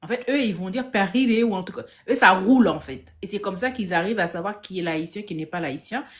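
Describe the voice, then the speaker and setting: A woman talking casually into her phone on a live stream. She tells her story with animated energy, often stumbling and restarting mid-sentence. Her pitch sits in the middle of the usual range and sounds natural. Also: fast talker. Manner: lively anecdotal telling, acts out others' lines, frequent restarts. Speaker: guest on a live discussion.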